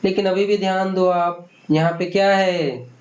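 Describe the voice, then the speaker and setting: A man's voice: high-pitched, steady tone, normal speed. A man teaching chemistry for exam preparation who asks questions and answers them himself, calling his students "beta". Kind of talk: exam-prep lecture. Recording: echoey room, dull lo-fi sound.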